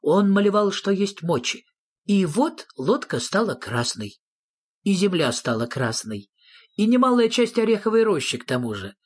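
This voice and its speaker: A narrator reading a children's story aloud with expressive storytelling. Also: medium pitch, moderate pace, husky.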